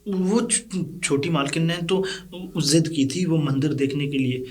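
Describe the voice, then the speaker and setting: A man's voice: fairly high pitch, unhurried, darkish tone, lightly acted. An actor playing a humble young village man who explains himself hesitantly and respectfully. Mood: nervous. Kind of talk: low-budget film drama acting.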